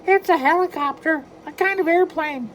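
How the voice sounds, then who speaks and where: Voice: extremely high pitch, moderate pace, fairly bright tone, a little hiss or hum, pitched above the performer's own voice, poor audio. A storyteller voicing a cheerful, eager male cartoon mouse who talks in a chirpy, enthusiastic way.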